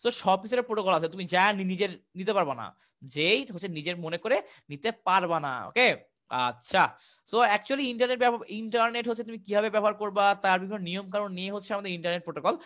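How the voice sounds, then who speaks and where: A young Bangladeshi man runs a live online exam-prep class as a tutor, chatty and repetitive, answering viewers' questions along the way. His voice is high-pitched, a bit bright and very fast.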